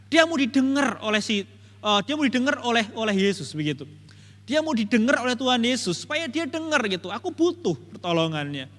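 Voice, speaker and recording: A man's voice: extremely high pitch, sharp tone, big-room sound. A man teaching a Bible study, retelling the story emphatically and repetitively and addressing his listeners directly. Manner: repetitive, emphatic retelling with many "begitu ya" tags. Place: church hall.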